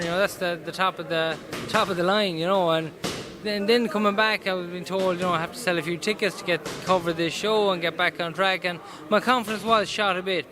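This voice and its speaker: A man with a west of Ireland Mayo accent answering interview questions casually as a boxer, earnest and often repeating his phrases. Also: sits high. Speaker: professional boxer being interviewed. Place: indoors in a boxing gym. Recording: busy gym noise behind voice.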